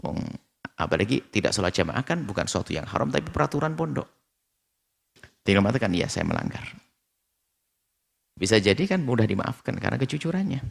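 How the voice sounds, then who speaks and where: A man preaching a sermon, quoting Arabic sayings and translating them, acting out little scenes in a lively storytelling manner. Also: quick pace, creaky. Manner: animated storytelling, acts out characters with sharp pitch jumps; quotes Arabic hadith then translates. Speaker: Islamic preacher. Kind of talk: sermon with acted-out anecdotes.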